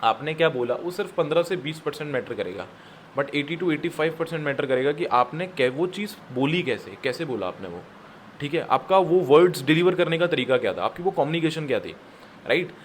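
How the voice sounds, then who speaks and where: Emphatic male sales coach, higher-pitched voice, speaks straight to viewers, faint hiss behind. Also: animated, moderate pace. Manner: emphatic, repeats key lines, mixes English words; addresses viewers as guys. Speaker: network marketing business coach. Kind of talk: motivational talk to camera.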